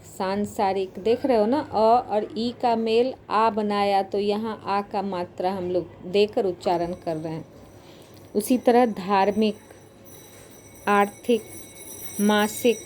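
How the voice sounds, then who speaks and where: A woman teaching a grammar lesson at a slow, unhurried pace, breaking words into pieces and repeating each one for her pupils. Her voice sits at a middle pitch for a woman. A faint hum of room ambience sits under her speech. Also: dark tone. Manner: slow, spelling out words syllable by syllable.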